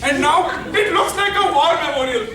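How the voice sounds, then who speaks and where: An actor playing a grumbling, aggrieved husband in a stage farce, complaining indignantly while nursing an injury. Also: male voice, extremely high pitch, moderate pace. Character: grumbling, aggrieved husband with whiplash after car crash. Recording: echoey, noisy hall from far off.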